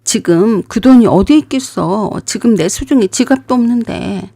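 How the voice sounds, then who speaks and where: A woman's voice: a little high, normal speed, vocal fry, warm tone, dry recording, studio quality. Woman doing a brazen whiny swindler.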